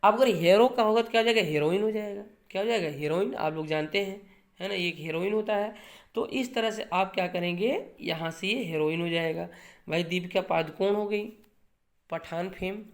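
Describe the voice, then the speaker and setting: A man's voice: high-pitched, moderate pace. A man teaching English grammar in a lecture style. He keeps asking rhetorical questions and answering them himself, checks in with his listeners and repeats key points for exams. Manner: mixes English grammar terms into Hindi.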